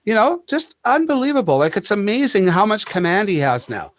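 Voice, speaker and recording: A man hosting a casual chat, telling stories in an animated way with laughs and many restarts. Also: high-pitched, fairly quick. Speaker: podcast host.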